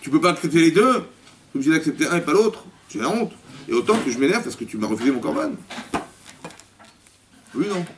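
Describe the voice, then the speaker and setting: A male rabbi giving a spoken religious lesson to a women's class, lively, often asking the listeners questions and acting out dialogue. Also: a little high, fairly quick, pauses often. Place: community hall classroom. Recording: distant mic with faint background noise.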